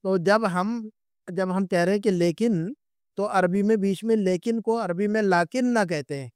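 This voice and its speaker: A man's voice: sits high, clean tone, no room sound, clean studio sound. A man, teaching an Arabic class online and patiently repeating points to check his students follow.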